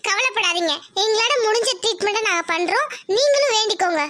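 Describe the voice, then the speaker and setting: Woman doing cartoon lady doctor, squeaky high but calm and soothing, bright tone. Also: no echo, clean studio sound. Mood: grave. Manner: soothing, measured.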